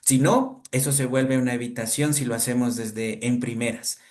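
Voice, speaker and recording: A young adult man, a clinical psychologist, calmly explaining a coping technique step by step with examples in an interview. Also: medium pitch. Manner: calm, measured, teaching step by step with examples.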